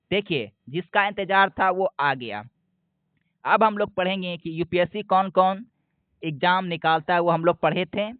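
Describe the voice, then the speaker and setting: A man teaching an exam prep lesson, asking questions and answering them himself, repeating key points slowly. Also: a little high, dry recording. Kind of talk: explanatory lesson. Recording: dry, phone-like narrow sound.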